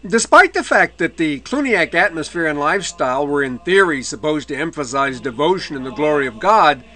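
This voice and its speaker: A man's voice: fairly high pitch, big pitch swings, fairly quick, sharp tone. A man giving a recorded history lecture, explaining in a conversational way with dry asides and occasional mid-word self-corrections.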